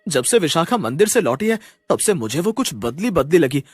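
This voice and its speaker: A man's voice: on the high side, big pitch swings, moderate pace, breathy edge, no room sound, clean studio sound, soft background music. A man voicing a worried, protective young husband in a kids' storybook, earnest and questioning. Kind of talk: storybook voice acting.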